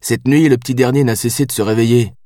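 A man's voice: mid-range voice, fairly even intonation, fast, mellow, dry recording, studio quality, voice pushed up, close to an everyday voice. A man reading an audiobook, voicing a tired male police lieutenant who speaks in a defensive, matter-of-fact way.

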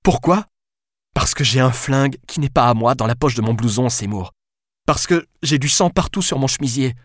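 A man's voice: on the low side, a little fast, dry recording, studio quality, lightly acted. A man reading an audiobook, voicing a panicked young female police detective who talks urgently and snaps at people. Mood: desperate. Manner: urgent, desperate, snapping.

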